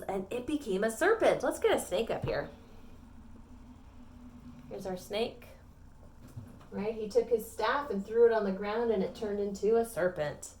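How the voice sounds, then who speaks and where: A middle-aged woman teaching a children's Bible lesson with props, animated and playful, talking directly to the kids. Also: medium pitch, slight background noise. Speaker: Sunday school teacher.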